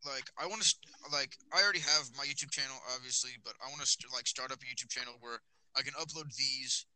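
A man's voice: mid-range voice, fast talker, sharp tone, dry recording, rough recording. A teenage boy hosting a casual podcast with friends, rambling with lots of fillers, recorded on a phone. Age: teens. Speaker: podcast host. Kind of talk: casual chat.

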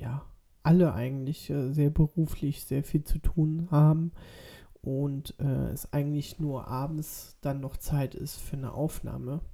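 A man's voice: mid-range voice, creaky, dark tone. A man with a stuffy nose from a cold, talking casually and hesitantly as a solo podcast host.

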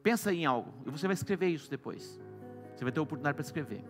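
A Brazilian man preaching a sermon, swinging between loud exclamations and soft hushed lines. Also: fairly high pitch, expressive, racing, over music. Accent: Brazilian Portuguese. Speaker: apostle preaching.

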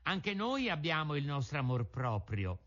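A man's voice: on the high side, sing-song, a little slow, a bit bright, exaggerated voice. A man doing jeering, bullying schoolboys. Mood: taunting. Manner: jeering, threatening taunts. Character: gang of rough schoolboys, bullying and taunting. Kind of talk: storybook reading. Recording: dull lo-fi recording.

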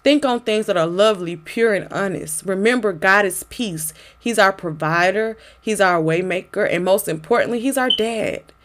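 A woman's voice: medium pitch, normal speed, hardly any pauses, a bit bright, slight background noise. Encouraging woman hosting a faith podcast. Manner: encouraging, exhortative. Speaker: podcast host. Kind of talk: casual faith podcast talk, devotional encouragement.

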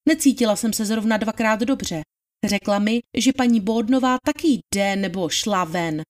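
A woman at medium pitch, sounding close to her everyday voice, reads a dramatized trial scene. She plays a young housemaid who testifies deferentially, giving plain, polite answers.

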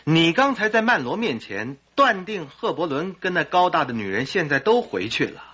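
Radio play doctor: doubting and wry, fairly high male voice, bright, lively intonation. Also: moderate pace, husky, exaggerated voice. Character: sceptical, dryly teasing male doctor, the detective's companion. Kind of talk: radio drama acting.

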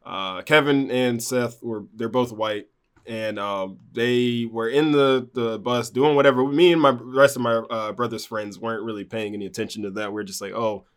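Man, casual storyteller, mid-pitched, loose and rambling with fillers. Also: steady tone, moderate pace, smooth. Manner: rambling, with many fillers and restarts. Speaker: guest telling a personal story.

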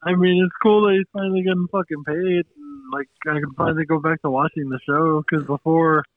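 A man's voice: fairly high pitch, fairly even intonation, brisk, no room sound. A man calling in to a casual podcast chat, his voice muffled as if from inside a fishbowl and laid-back with plenty of swearing. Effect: muffled call audio, like a voice inside a fishbowl. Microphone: remote call. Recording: tinny phone-like call line.

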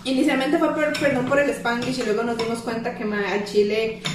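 A young woman with a Costa Rican accent, co-hosting a podcast in casual, slangy chat with quick interjections. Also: fairly high pitch, level tone. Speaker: podcast co-host. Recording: very echoey room, distant mic, background noise.

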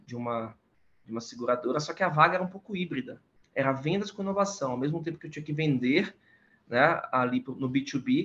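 A man's voice: on the high side, a bit bright, dull audio. A man in his thirties from Salvador, Brazil, talking as a podcast guest in a casual, hesitant way with many fillers and restarts. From Salvador, Bahia, Brazil. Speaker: guest, startup competition lead. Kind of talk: casual interview conversation.

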